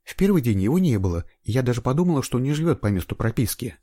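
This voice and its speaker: A man's voice: medium pitch, big pitch swings, rapid-fire, warm tone, no echo, pitched above the performer's own voice. A man voicing an eager young female trainee investigator in an audiobook, with a raised, insistent voice. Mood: earnest. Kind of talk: audiobook reading.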